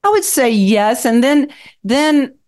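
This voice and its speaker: Sing-song and slow, with a high voice carrying a darkish tone, this sixty-something Appalachian Kentucky woman, a city council member, tells stories as a guest in a chatty podcast conversation and laughs frequently.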